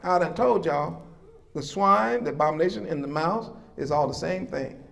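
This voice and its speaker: A man's voice: on the high side, moderate pace, creaky, fairly bright tone. A man preaching a sermon emphatically, calling on the congregation to talk back.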